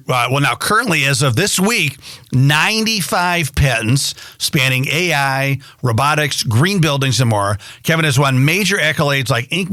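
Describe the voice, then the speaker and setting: A man's voice: medium pitch, bright, forceful tone, no echo. A man hosting a show in a studio, introducing his guest in an upbeat way with stumbles and repeated words. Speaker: host.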